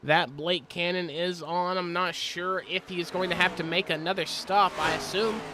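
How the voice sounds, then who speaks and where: A man calling a sim racing broadcast from home, apologetic and quick to correct himself on air. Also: high-pitched, fairly even intonation, noisy background. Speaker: sim racing play-by-play commentator. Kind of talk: live race commentary. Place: home, helicopters overhead.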